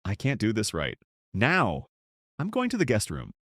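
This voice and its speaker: Storybook wife, middle-aged, irritated and curt; a man reads her lines, low voice with lively pitch. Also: moderate pace, no echo, studio quality, full character voice. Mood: cold. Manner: curt, dismissive replies. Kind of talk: scripted story narration.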